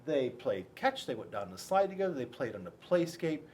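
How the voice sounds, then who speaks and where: This man, a school resource officer, reads a picture book to children playfully, chatting and asking lots of rhetorical questions. His mid-range voice is a little mellow, with big pitch swings, at normal speed and with a little hiss or hum.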